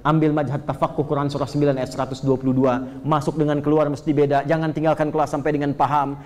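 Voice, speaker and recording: A man preaching to a live crowd in a high, ringing voice. He is animated and full of jokes, and he keeps turning to the audience to ask them things. His voice carries a long reverb from a large lecture hall. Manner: animated, joking, addresses listeners directly. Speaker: Islamic preacher. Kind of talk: lively sermon to a live audience.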